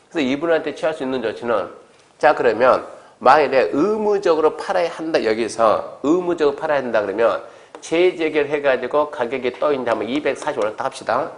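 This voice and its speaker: A male lecturer giving an exam-prep lecture in a conversational way, acting out little exchanges as he explains. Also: fairly high pitch. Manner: conversational, acts out quoted exchanges.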